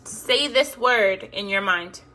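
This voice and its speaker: A woman's voice: mid-range voice, slow pace, sharp tone. A woman hosting a self-help video, coaxing viewers through a call-and-response affirmation exercise with encouraging murmurs.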